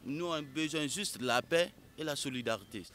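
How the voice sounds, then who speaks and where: Bright-voiced outspoken young man. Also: fairly high pitch, a little fast. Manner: outspoken, impassioned. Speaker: passerby. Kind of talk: street interview. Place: outdoors on a city square. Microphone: handheld mic held by interviewer.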